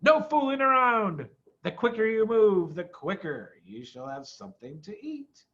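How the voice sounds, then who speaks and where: A man voicing a proud, excitable father fox from a storybook, theatrical and emphatic. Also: high-pitched, unhurried, voice pushed up, exaggerated voice. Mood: brisk, commanding. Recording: dull, muffled lo-fi audio.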